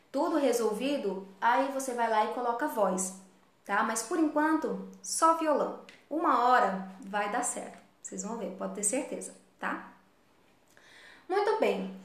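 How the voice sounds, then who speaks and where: A woman's voice: a little high, roomy sound. A Brazilian woman teaching a live online guitar class, explaining each step patiently. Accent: Brazilian Portuguese. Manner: patient, explains step by step, vocalizes strumming beats.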